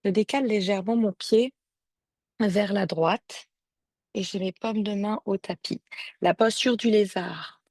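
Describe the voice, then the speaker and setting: A yoga teacher guides a class from home or a studio over a video call, calmly cueing each movement and breath count step by step. She speaks slowly and unhurriedly at an ordinary middle pitch. The sound is dry and close, like a video call microphone.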